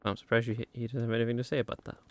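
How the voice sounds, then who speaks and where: A man's voice: medium pitch, level tone, rapid-fire. A man doing casual livestream game commentary, muttering to himself and repeating his phrases as he plays.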